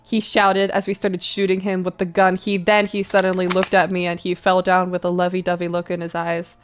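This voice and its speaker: Over a noisy background, a woman with a lowish, monotone voice reads fanfiction at a fairly quick clip. She hosts it as a playful, theatrical mock-drama, adding casual asides and spelling out each misspelling.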